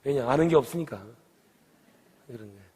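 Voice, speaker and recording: A man's voice: mid-range voice, expressive, brisk, dark tone, breathy edge. A man from the Gyeongsang region of Korea with its accent, preaching a sermon and putting questions to the congregation. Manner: asks the congregation questions and urges them to answer. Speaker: pastor. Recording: long hall reverb.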